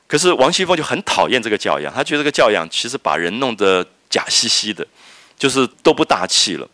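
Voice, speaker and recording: A man's voice: mid-range voice, big pitch swings, fast talker, bright, forceful tone, dry recording. A middle-aged man, lecturing on a classic novel, reading passages aloud and then explaining them. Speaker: literature lecturer.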